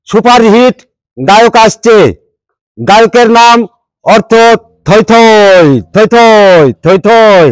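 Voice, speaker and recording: An actor playing an excitable village announcer, hawking a song concert in repetitive sing-song chants in a comedy sketch. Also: male voice, high-pitched, clean tone, no room sound, poor audio. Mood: proclaiming. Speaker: event announcer. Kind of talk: loud chanted street publicity announcement.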